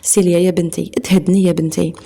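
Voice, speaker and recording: A woman's voice: on the low side, level tone, racing, vocal fry, warm tone, husky. A woman with an Algerian accent voicing an anxious mother trying to soothe her daughter. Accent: Algerian Arabic. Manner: soothing, pleading.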